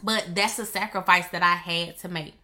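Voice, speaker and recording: Bright-voiced woman coach, emphatic and playful. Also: on the low side, fairly even intonation, moderate pace. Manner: emphatic and playful, repeats phrases for effect; slangy, conversational delivery. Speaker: business coach. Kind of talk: casual live-stream talk to viewers.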